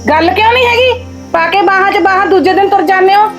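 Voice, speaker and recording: A woman's voice: extremely high pitch, quick pace, faint music behind. A woman acting a young sister-in-law who scolds her in-laws sharply, in a village short film. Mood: scolding. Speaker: actor.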